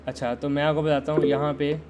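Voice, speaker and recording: Male tech instructor for a live lesson. Conversational and steady with little pitch movement. Keeps putting questions to the viewers. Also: a little fast, slight background noise. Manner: conversational, quizzes viewers and waits for chat answers. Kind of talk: live-streamed system design lesson.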